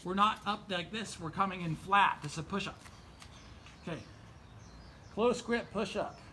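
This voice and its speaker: A high-voiced man in his forties coaches exercise in a casual, encouraging way. He is recorded outside in a garden, with clear noise behind his voice. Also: moderate pace, pushed and bright. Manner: encouraging, counts and cues. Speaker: fitness trainer hosting a workout video. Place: outdoor garden.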